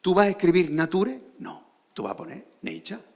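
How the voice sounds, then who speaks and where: A man's voice: high voice, very animated, fast talker, gravelly. A man with an Andalusian accent giving a lecture on a theater stage, often posing rhetorical questions to the audience. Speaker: conference speaker.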